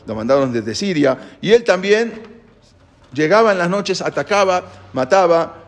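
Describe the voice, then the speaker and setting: A man giving a religious history lesson, telling the story in an animated way with frequent stumbles and restarts. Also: high voice, unhurried. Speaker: religious teacher.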